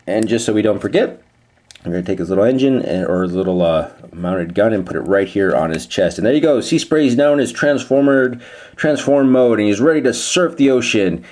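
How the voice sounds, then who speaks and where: A man talks casually through a toy review in a fairly low voice. He rambles, trips over his words and pauses with frequent "uh"s. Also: expressive, a little mellow. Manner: rambling, hesitant with fillers.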